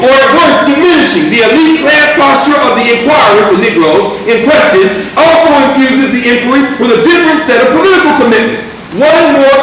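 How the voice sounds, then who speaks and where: A man teaching a university class, reading from a text and breaking into animated, emphatic asides. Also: very high voice, recorded from a distance, a little hiss or hum. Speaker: university lecturer. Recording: echoey lecture room recorded from afar.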